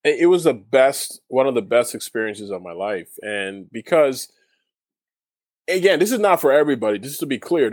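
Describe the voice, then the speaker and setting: A man's voice: mid-range voice, dry recording, studio quality. A man, a guest in a casual interview, telling his story in a rambling way with many restarts. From Canada. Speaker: guest, former overseas basketball player.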